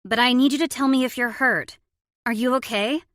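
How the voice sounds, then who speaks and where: Narrator doing a brash protective mom, outspoken, loud, dry sound. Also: female voice, on the high side, moderate pace, no room sound, voice pushed up, lightly acted. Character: fiery, protective woman, young mother. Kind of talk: audiobook character voice.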